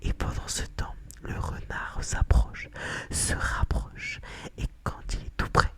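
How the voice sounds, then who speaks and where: A narrator reading a children's tale in a whispered ASMR storytelling style. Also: slow pace.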